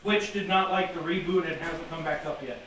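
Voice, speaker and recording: A man's voice: a little high, steady tone, a little fast, a bit bright, slight background noise, rough recording. A man on the crew, calling in casually from away from the microphone, so his volume rises and falls unevenly. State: uneven volume, speaking from off-mic. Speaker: crew member checking the stream. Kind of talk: casual chat.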